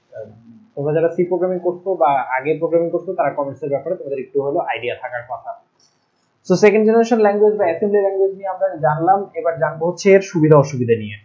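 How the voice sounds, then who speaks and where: A young man teaching programming, explaining step by step and pausing to write things out and correct himself. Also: on the high side, dark tone. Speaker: ICT teacher. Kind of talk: recorded classroom lecture. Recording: dull lo-fi recording.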